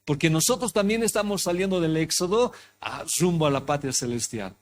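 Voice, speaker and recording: A man's voice: a little high, animated, brisk, slight background noise. A man preaching a sermon in church who keeps asking his congregation questions and repeating his phrases. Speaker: pastor. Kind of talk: interactive sermon. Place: church hall.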